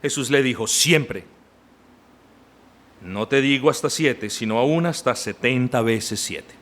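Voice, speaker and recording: A man's voice: on the high side, fairly bright tone. A man preaching a sermon as pastor, talking emphatically and directly to his congregation. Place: church.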